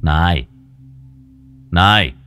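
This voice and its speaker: A man's voice: deep voice, expressive, very slow, sharp tone, exaggerated voice. A man voicing a brash, cocky young exorcist who talks bluntly and bossily. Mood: threatening. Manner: swaggering, blunt, bossy.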